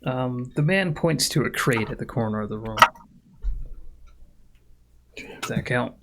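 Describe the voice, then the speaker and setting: A man's voice: medium pitch, a little slow, very noisy. A man running a tabletop game, narrating casually as game master.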